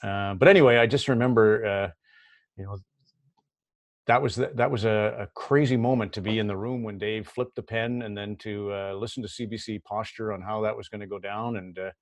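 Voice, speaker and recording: A man's voice: on the low side, fairly even intonation, a little fast, no echo. A middle-aged Canadian man telling stories in a casual interview, often repeating words as he starts a thought. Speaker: hockey broadcaster guest.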